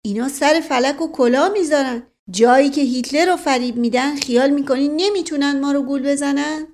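A playful, mocking middle-aged nobleman needles the people around him, put on by a woman reading a storybook. He sounds lively and pitched high above her usual voice. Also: close to an everyday voice. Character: witty middle-aged nobleman, mischievous, teasing.

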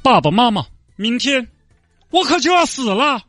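A man's voice: extremely high pitch, very animated, moderate pace, fairly bright tone, no room sound, faint music behind, heavily acted. A man voicing a scheming young woman who fakes her own death, talking in a breezy plotting way with a Sichuan accent.

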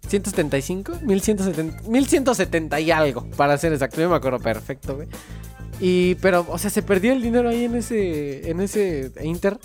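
Hombre joven chilango contando una anécdota. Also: male voice, high-pitched, fairly quick, soft background music. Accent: Mexico City Spanish. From Mexico. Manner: slangy, animated, laughing storyteller. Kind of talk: casual storytelling chat.

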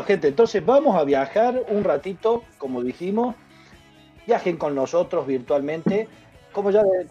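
A man's voice: a little high, warm tone, lo-fi sound. A man with an Argentine accent from Córdoba hosting a radio show in a chatty, reactive way. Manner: chatty, repeats words, reactive. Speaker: radio host.

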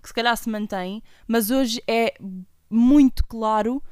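Podcast co-host: female, around 20, European Portuguese accent, crisp voice, relaxed slangy conversation, dry recording. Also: on the high side, a little slow, dry recording. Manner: informal, slangy. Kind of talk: casual chat.

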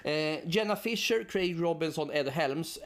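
A podcast co-host chats casually about a film, rattling off long lists of names and correcting himself along the way. His voice is a little high.

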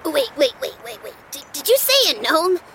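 A woman doing a high, bright giggly bard. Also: big pitch swings, moderate pace, slight background noise.

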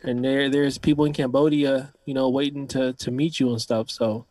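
A man's voice: medium pitch, little pitch movement, moderate pace, darkish tone, dry recording. A man in casual podcast chat, laid-back and slangy, talking about travel and music. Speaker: podcast co-host.

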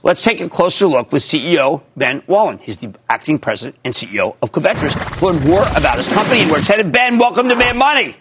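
A man in his sixties hosting a TV finance show, talking in an energetic, emphatic way with a husky voice. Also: on the high side, quick pace, few pauses, noisy background. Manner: animated, emphatic, shouts at times. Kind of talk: energetic market commentary.

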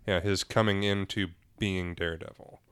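A man casually co-hosting a podcast, explaining comic history in a relaxed, talkative way. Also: sits low, moderate pace, clear, resonant tone, no echo, studio quality. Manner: relaxed, explanatory, laughs easily. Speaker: podcast co-host. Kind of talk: casual chat about comics.

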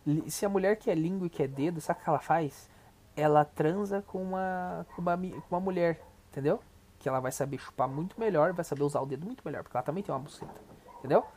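A man's voice: a little high, quick pace, darkish tone, a little hiss or hum. Profane rambling Brazilian man. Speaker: podcast host. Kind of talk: casual reaction commentary.

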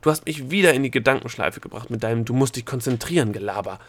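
A man voicing a sharp-tongued, sarcastic young princess in an audiobook. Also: mid-range voice, expressive, quick pace. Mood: exasperated. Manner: snappy, sarcastic. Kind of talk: audiobook character voice.

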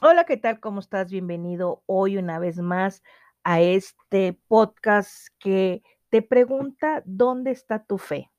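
An earnest woman speaks to her listener on a devotional podcast. She reads passages at a steady pace and turns to them with direct questions. Her voice sits at a middle pitch, recorded close and dry with no room sound. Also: slow pace, dry recording. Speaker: podcast host.

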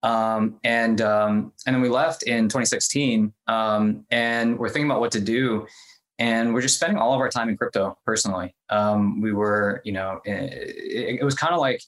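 A man with a fairly low voice, from the US Midwest, talks as a podcast guest. His speech is loose and relaxed, full of ums and restarts. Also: normal speed, rough recording. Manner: relaxed, many fillers, loose and chatty. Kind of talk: casual interview talk.

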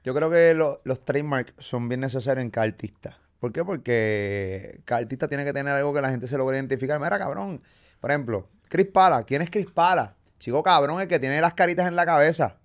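A man's voice: medium pitch, fairly quick. A man with a Puerto Rican accent hosting a casual interview, slangy and joking, firing off questions. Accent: Puerto Rican Spanish. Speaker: podcast host interviewer.

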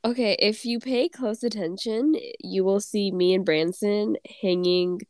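A teenage girl co-hosts a casual podcast, her voice stuffy from a cold but still smooth and clear. She rambles and giggles through her stories, recorded close and dry. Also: medium pitch, fairly even intonation, a little slow, a little mellow, dry recording. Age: teens. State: congested from a cold. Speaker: podcast co-host. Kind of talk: casual chat.

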